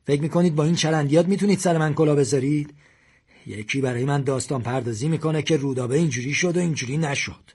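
A man voicing a menacing armed man who shouts and sneers threats, husky-voiced. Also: medium pitch, lightly acted. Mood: angry shouting.

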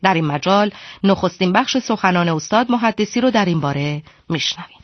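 A woman's voice: mid-range voice, expressive, dry recording. A woman radio presenter giving a formal, composed, scripted introduction to a program. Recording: dull lo-fi radio sound.

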